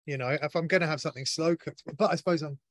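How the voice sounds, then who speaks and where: A man's voice: a little high, very fast, no room sound, studio quality. A man co-hosting a casual cooking chat, chatty, asking questions and joking about himself. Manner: chatty, asks questions, self-deprecating. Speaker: butcher co-host. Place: outdoors at a barbecue.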